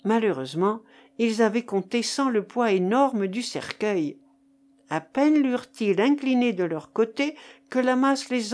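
Slow-reading woman narrator. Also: medium pitch, darkish tone. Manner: measured storytelling. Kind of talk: audiobook narration.

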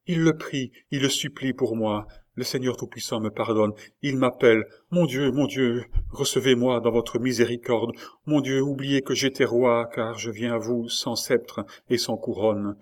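A man's voice: mid-range voice, a little slow, close to an everyday voice. A man voicing a dying king in fervent prayer. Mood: pleading. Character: dying old king, feverish and pious.

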